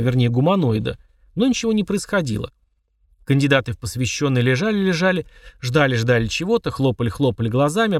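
A man reading a first-person novel aloud as an audiobook narrator, in a measured, even storytelling manner. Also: medium pitch, no echo, clean studio sound, recorded from a distance.

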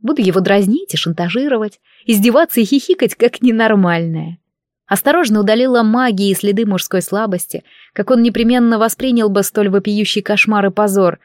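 A woman reading a first-person fantasy novel as an audiobook, in an expressive storytelling manner. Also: medium pitch, a little fast, dry recording, clean studio sound. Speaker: audiobook narrator.

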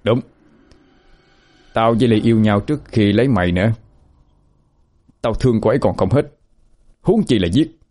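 A man's voice: fairly low pitch, normal speed, pauses often, a little mellow, close to an everyday voice. A man voicing a cruel, swaggering male loan shark in a spoken story, talking in a taunting, contemptuous way.

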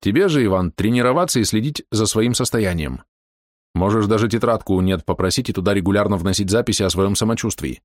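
A man reading an audiobook, voicing a confident young mage who gives brisk instructions. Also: lowish voice, no echo, studio quality, lightly acted.

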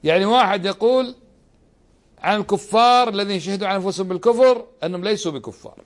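A man's voice: high voice, fast. A middle-aged man giving a religious lesson, pressing his points with rhetorical questions and repetition. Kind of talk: religious lesson explaining a text.

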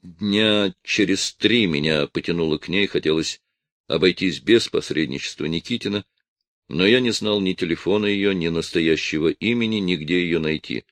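Deep gravelly man reading an audiobook. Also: normal speed, fairly bright tone, no echo, studio quality. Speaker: audiobook narrator. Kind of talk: first-person audiobook reading.

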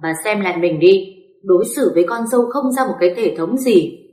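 A woman's voice: lowish voice, normal speed, reverberant, lightly acted. A woman voicing a stern old father-in-law who scolds his wife reproachfully. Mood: scolding.

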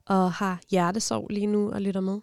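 A woman's voice: mid-range voice, level tone, creaky, a little mellow, clean tone, no echo, studio quality. A woman hosting a podcast, putting short questions and prompts to her guest. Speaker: podcast host. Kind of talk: interviewing.

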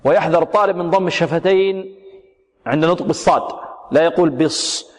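Man teaching Quran recitation, echoing hall. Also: a little high. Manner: asks questions and answers them himself, slow drawn-out demonstrations. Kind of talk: tajwid lesson with recited examples. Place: radio broadcast studio.

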